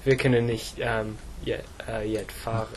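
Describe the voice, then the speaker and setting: A teenage boy from England, an English speaker practising German, answering slowly with many fillers and pauses. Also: fairly low pitch, flat delivery, slight background noise. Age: teens. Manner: halting, slow, many fillers. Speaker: student.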